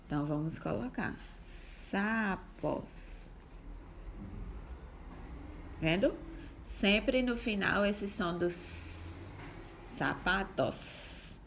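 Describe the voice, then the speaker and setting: A woman's voice: medium pitch, gravelly, a bit bright, a little hiss or hum. A woman teaching young children, explaining a worksheet patiently step by step and sounding out syllables. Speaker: primary school teacher.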